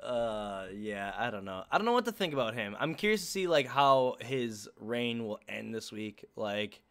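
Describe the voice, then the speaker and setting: A mid-pitched man in a relaxed podcast chat about reality TV. He curses constantly and laughs his way through his rants. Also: moderate pace, clear, resonant tone. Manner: laughing, swearing, mocking impressions. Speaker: podcast co-host, former reality show contestant.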